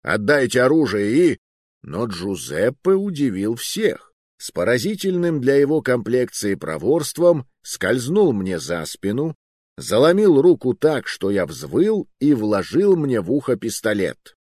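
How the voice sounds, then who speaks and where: A man narrating a first-person adventure audiobook with expressive, lively storytelling. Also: medium pitch, a little slow, no room sound, clean studio sound.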